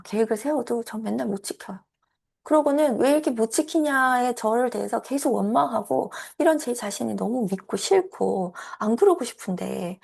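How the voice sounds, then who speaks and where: Woman coach chatting, a bit high-pitched, gravelly voice, pops into scolding voices sometimes. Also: a little mellow. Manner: acts out scolding and inner voices in a raised pitch. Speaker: life coach. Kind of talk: casual explanatory talk.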